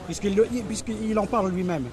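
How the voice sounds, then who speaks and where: A man's voice: sits high, fairly quick, crowd noise. A man giving an interview, hesitant and repeating words. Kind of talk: documentary interview.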